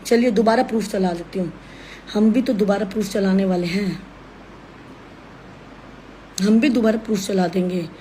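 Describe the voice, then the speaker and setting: A woman's voice: medium pitch, moderate pace, pauses often, dark tone, a little hiss or hum. A woman ranting on a live stream from her phone, scolding and accusing in an insistent way. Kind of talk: heated live-stream rant.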